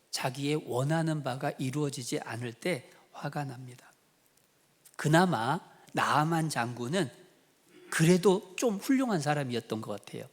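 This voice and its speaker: Male pastor, fairly high voice, preaching; animated storyteller voicing the characters' lines. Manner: storytelling with acted quotes, rising to animated emphasis. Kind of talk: sermon.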